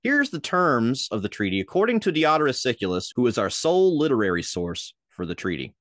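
Man, Minnesotan accent, young adult, podcast host, animated delivery, dry close mic. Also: medium pitch, brisk, no echo. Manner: lively storyteller, jokey asides. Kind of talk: casual history podcast narration.

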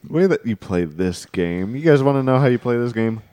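Man, medium pitch, casual comic banter, playful game host, jokey delivery. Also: animated, brisk, mellow, clear, resonant tone. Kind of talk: casual comedic banter and improv.

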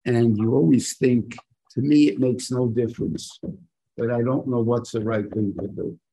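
A man's voice: mid-range voice, fairly even intonation, moderate pace, gravelly, warm tone, breathy edge, poor audio. A man gives an informal religious lecture as a rabbi, using rhetorical questions and short, emphatic repetitions. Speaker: rabbi giving a Torah lesson.

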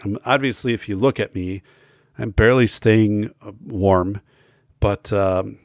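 A middle-aged man hosts a school safety talk show, chatting casually to camera though he feels unwell and his voice is going, speaking emphatically amid many fillers and restarts. His voice sits on the low side, fairly even in intonation and a bit slow, in clean studio sound without echo.

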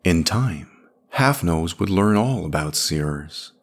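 A man narrating a scripted fantasy story in a measured, expressive reading. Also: low voice, slightly rough.

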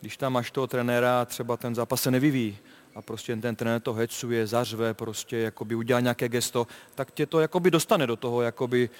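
A man on a sports panel, explaining his view in a measured way. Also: mid-range voice, steady tone. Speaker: panel guest. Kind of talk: casual studio debate.

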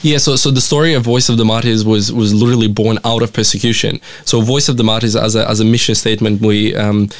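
Romanian-accented man, low smooth voice. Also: fairly even intonation, quick pace, few pauses. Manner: friendly, hesitant with many fillers and restarts. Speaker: mission representative, guest. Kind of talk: casual interview chat.

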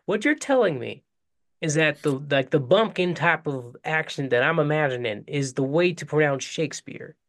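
A man's voice: fairly high pitch, expressive, normal speed, a bit bright. A man hosting a podcast, talking in a loose, chatty way with rambling asides. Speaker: podcast host. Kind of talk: casual podcast chat.

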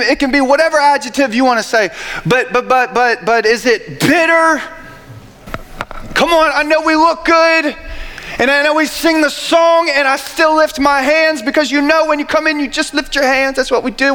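A pastor preaching a sermon to his church, building to shouted emphasis and repeating his phrases. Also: very high-pitched, slight background noise. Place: church sanctuary with congregation. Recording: reverberant church hall, faint ambience.

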